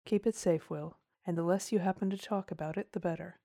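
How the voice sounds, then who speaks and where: A woman voicing an elderly rural English farmer who speaks in slow, weighty country speech, kindly but ominous. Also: lowish voice, steady tone, gravelly, dark tone, no echo, clean studio sound. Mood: grave.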